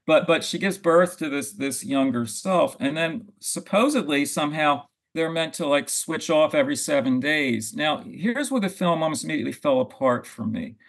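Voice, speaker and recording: Husky, gravelly male film critic. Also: on the high side, lively intonation, normal speed, few pauses. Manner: thoughtful, restarts often, wry. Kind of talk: film review discussion.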